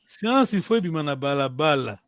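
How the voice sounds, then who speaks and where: A man's voice: fairly high pitch, big pitch swings, measured pace, fairly bright tone, dry recording, studio quality. A man teaching a language class, hesitant, restarting his sentences and often checking that students follow. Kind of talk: online language lesson.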